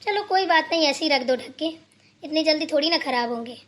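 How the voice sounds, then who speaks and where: A woman's voice: high-pitched, animated, brisk. A woman voicing a stern, bossy older mother-in-law in a cartoon, scolding and lecturing her daughter-in-law. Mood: fond. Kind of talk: cartoon voice acting.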